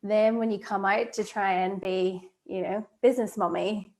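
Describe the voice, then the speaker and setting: A woman's voice: mid-range voice, fairly even intonation, normal speed, a little mellow. A woman, a life coach chatting as a guest in an interview, talking freely with many fillers and frequent laughs. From Northern Ireland. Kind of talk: casual interview chat. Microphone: video call.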